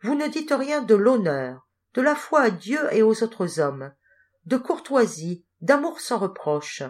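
A woman's voice: on the high side, very animated, unhurried, darkish tone, pitched above the performer's own voice. A woman reading as a solemn old knight. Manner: solemn, moralizing. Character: stern old male knight, pious and lecturing.

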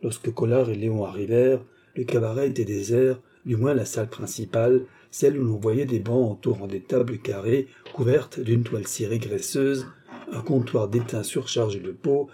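A male narrator reads a nineteenth-century novel in measured, even storytelling. His voice is dark and a bit husky. The pitch sits in an ordinary male middle range. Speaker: audiobook narrator. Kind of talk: literary audiobook narration.

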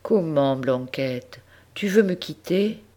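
A woman's voice: sits low, expressive, moderate pace, darkish tone. A woman reading aloud, voicing a worried old farmer who exclaims anxiously at his goat.

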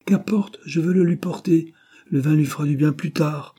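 A man voicing a kindly, selfless aging pastor who speaks earnestly and insists gently. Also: a little high, steady tone, moderate pace, slightly rough, voice pushed up.

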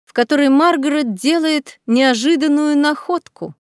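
A woman reading a novel aloud as an audiobook narrator, in a measured storytelling manner. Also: high-pitched, dry recording, clean studio sound. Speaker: audiobook reader. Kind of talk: scripted narration.

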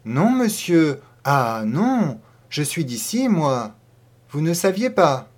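A man's voice: fairly high pitch, big pitch swings, slow, full character voice. A man voicing a cheerful young peasant maid and mother who talks simply and proudly in a storybook reading. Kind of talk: audiobook character voice.

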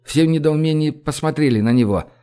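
A man narrating an audiobook in a measured, even storytelling voice, shifting his pitch for the characters' dialogue. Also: smooth.

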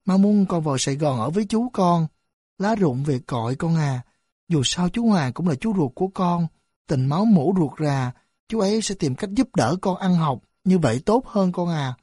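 A woman's voice: on the low side, animated, moderate pace, dark tone, husky, no echo, studio quality. A woman voicing a tearful, resolute mother who speaks with a trembling voice in an audiobook. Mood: grieving.

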